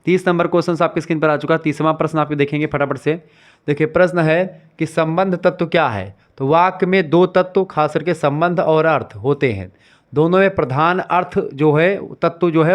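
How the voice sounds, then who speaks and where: A young man leads an exam revision lesson, walking through each term step by step and checking that his students follow. His voice is smooth and resonant, sitting a little higher than most men's. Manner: explains step by step, repeats terms, checks with 'clear?'. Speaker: teacher.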